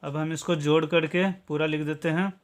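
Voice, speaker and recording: A man from Bihar, India, explains English to his viewers patiently and one step at a time, like a classroom teacher, with "okay?" tacked onto most lines. He speaks at normal speed in a slightly high voice that barely moves in pitch.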